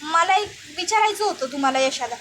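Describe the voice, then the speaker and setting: A woman's voice: very high voice, expressive, fairly quick, fairly bright tone, a little hiss or hum. A woman voicing a nosy village mason who gossips and boasts about winning a bet.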